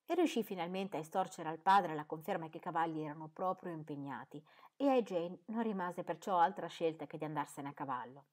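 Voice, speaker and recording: A woman reading a classic novel aloud as an audiobook narrator, with expressive, lilting storytelling. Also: low-pitched, fairly quick. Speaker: reader.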